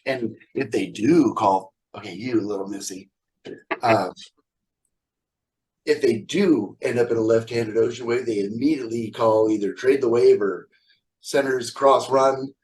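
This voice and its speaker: A middle-aged man of average pitch talks casually, with blunt opinions and wisecracks. He sits a little back from the microphone, so his voice sounds slightly distant. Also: a little slow, a little mellow. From California. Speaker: square dance caller, guest. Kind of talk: casual interview chat.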